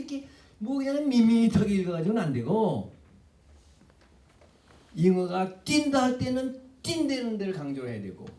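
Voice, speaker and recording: A man's voice: mid-range voice, warm tone. An older man, a professor giving a public literature lecture, speaking emphatically and addressing the audience directly. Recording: echoey hall, voice from a distance.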